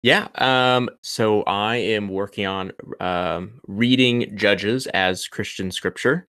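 The young PhD candidate has a fairly low, clear, resonant voice with a bit of brightness, and he speaks slowly. Guesting on a podcast for a casual interview, he thinks aloud with plenty of ums and restarts. Dry, studio-quality recording.

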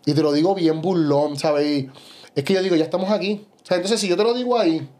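Talking fast in a voice on the high side, a young adult man with a Puerto Rican Spanish accent tells lively stories in a casual podcast chat. He's a bodybuilder guest, and his speech is peppered with "you know" and "¿sabes?"

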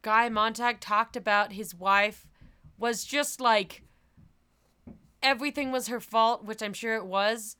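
A woman's voice: on the high side, fairly even intonation, a little slow, pushed and bright, smooth. A young woman co-hosting a casual book podcast, blunt and sarcastic, swearing freely. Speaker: podcast co-host. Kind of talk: casual book-club chat. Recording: remote call audio.

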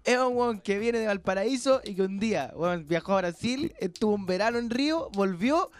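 A man's voice: sits high, expressive, moderate pace. A Chilean man co-hosting a comedic radio show in a teasing, mock-indignant way. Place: radio studio.

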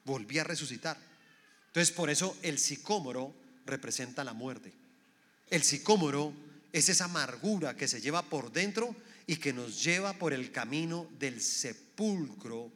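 A man preaching a sermon in a reverberant church hall. His voice sits fairly high and rings bright and forceful. He keeps checking in with the congregation through rhetorical questions. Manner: preaching with rhetorical questions, acting out quoted people. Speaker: pastor.

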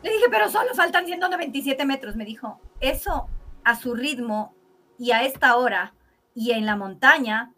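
A woman, telling a story as a guest in a conversational interview, animated and acting out quoted voices with exclamations. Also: sits high, normal speed.

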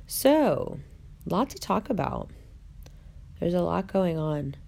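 Low-voiced woman vlogger who rolls her R's. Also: big pitch swings, slow pace, creaky, mellow. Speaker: online video host. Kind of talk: casual chat, talking to viewers.

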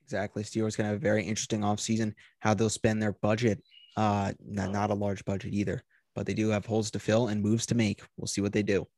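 A man's voice: on the low side, level tone, fast, darkish tone, dry recording. A man hosting a sports talk show, running through news items and steering the talk. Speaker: host.

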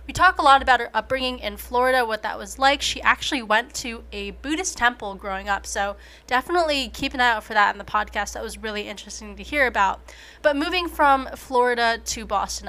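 A woman's voice: fairly high pitch, pushed and bright. A young woman in her twenties, from the United States, hosting a casual podcast interview in an upbeat, chatty way. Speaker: podcast host.

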